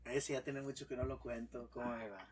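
A man's voice: mid-range voice, a little fast, slightly rough. A man telling a long joke in a casual chat, acting out characters and sound effects. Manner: animated storyteller, acts out characters and sound effects. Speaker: podcast guest telling jokes.

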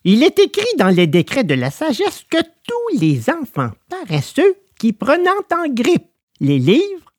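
A woman voicing a gentle, wise little female marmot who consoles with sighs. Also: high voice, huge pitch swings, a little slow, no room sound, studio quality, full character voice. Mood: consoling. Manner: consoling, sighing. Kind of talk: storybook drama.

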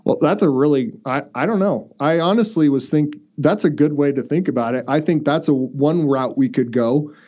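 A man hosts a relaxed podcast chat and talks in a loose, rambling way, often restarting his sentences. His voice is mellow and dark. The audio is dull and lo-fi. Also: a little high, normal speed, few pauses. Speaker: podcast host.

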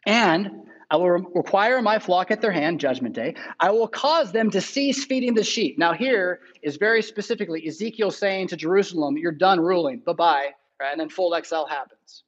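A man's voice: high-pitched, lively intonation, moderate pace, lo-fi sound. A male pastor preaching a sermon in a conversational way, reading scripture aloud and often checking in with "right?".

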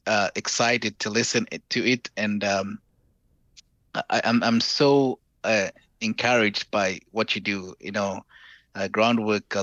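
Zambian man, thirties, podcast guest on video call, low and earnest, muffled sound. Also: fairly bright tone, no room sound. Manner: earnest, measured, hesitant with fillers. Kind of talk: remote interview over video call.

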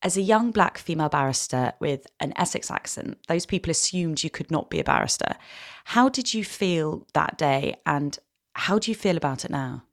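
A woman hosting an interview podcast, reading introductions and putting questions in a measured, articulate way. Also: sits low, animated.

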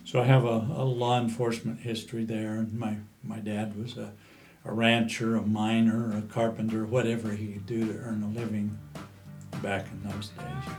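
Man, seventies, low pitch, Western American accent, halting storyteller, interview recollections. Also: level tone, darkish tone, soft background music, poor audio. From Utah, USA. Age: 70s. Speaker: interview guest, cowboy poet. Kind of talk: reminiscing in an interview.

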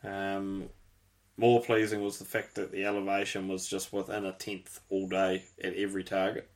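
A man's voice: deep voice, completely flat delivery, normal speed. A man chatting casually as host, rambling through technical details and swearing now and then. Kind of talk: casual chat.

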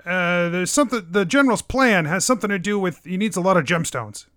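A man's voice: high voice, expressive, quick pace, a bit bright, dry recording, studio quality. A man voicing a friendly female village trader in a tabletop game, informal and hesitant. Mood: helpful, hesitant.

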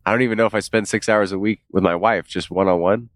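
A podcast co-host with a lowish voice speaks quickly in a steady tone, sounding nasal and congested from a cold. He's laid-back and rambling, cursing casually and laughing frequently. The recording is echo-free.

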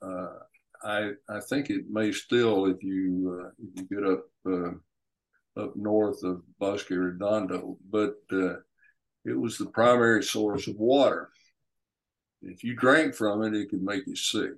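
A male author appearing as a guest recounts history off the cuff, speaking haltingly and deliberately with many pauses and hesitations. His voice sits fairly low and his intonation stays mostly even. The recording quality is rough.

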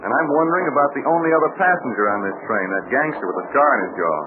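Tough, confident male adventurer played by a man, quick-talking, 1940s radio drama, phone-thin sound. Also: medium pitch, big pitch swings, lightly acted. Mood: wry, confident. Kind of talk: 1940s radio serial acting. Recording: noisy, tinny old radio recording.

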